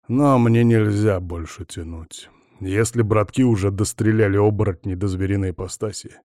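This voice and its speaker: Low, dark-voiced male audiobook narrator. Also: dry recording. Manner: hoarse, low and subdued in dialogue. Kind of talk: first-person audiobook narration. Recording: dry, close studio sound.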